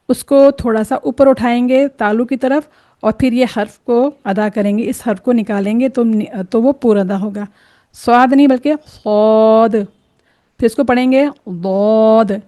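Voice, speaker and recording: A woman's voice: fairly high pitch, dark tone. Patient woman teaching letter sounds. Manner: patient, repeats letter sounds slowly to demonstrate. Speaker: Quran recitation teacher. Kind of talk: tajweed lesson, explaining and demonstrating letter sounds.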